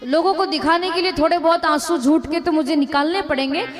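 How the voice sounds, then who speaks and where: A bitter wife scolds and nags her husband without letting up, as a woman storyteller puts her on. The voice is high and rings in a long hall reverb. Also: fairly quick, soft background music, natural voice. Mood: scolding. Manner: scolding, nagging.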